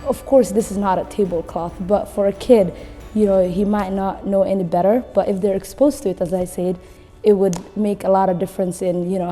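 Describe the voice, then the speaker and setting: Her medium-pitched voice has a warm tone as she talks about a book in a casual, conversational way, frequently using "you know." She is in her twenties, a recent graduate and guest book reader from Somalia who later lived in Kenya. Seated in an indoor room with a wood-panel wall, she's recorded with reverb and background music.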